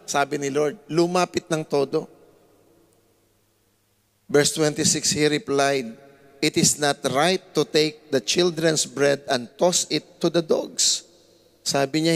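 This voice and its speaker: A Filipino man preaching a Sunday sermon in a slightly high, gravelly voice. He drops to hushed asides, then rises into lively, raised exclamations. The sound carries a long church-hall reverb. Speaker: pastor.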